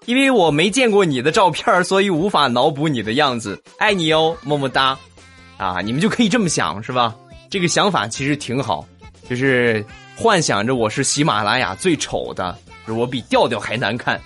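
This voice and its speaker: A man's voice: mid-range voice, very animated, fairly quick, fairly bright tone, faint music behind. Playful man hosting a comedy podcast. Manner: jokey, laughs often, teasing asides. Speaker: podcast host. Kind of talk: playful comedic chat reading listener comments.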